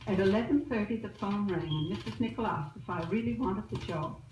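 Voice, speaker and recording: A woman tells her news to family in a chatty, storytelling spoken letter. It sounds like an old disc recording, with steady hiss and crackle. She sits back from the microphone in a roomy, echoing space. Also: medium pitch, a little fast, far from the mic. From Australia. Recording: noisy echoey old disc recorded from afar.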